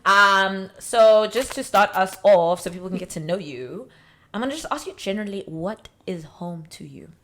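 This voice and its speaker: Bright-voiced playful young woman host. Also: medium pitch, animated, normal speed. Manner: playful, giggly, addresses the audience. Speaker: podcast host. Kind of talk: casual podcast chat.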